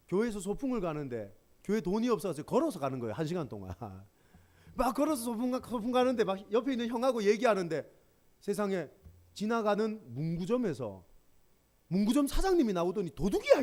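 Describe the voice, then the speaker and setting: A middle-aged male pastor preaching a sermon, telling personal stories with animated delivery that drops to soft, emotional tones. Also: high voice, a little fast.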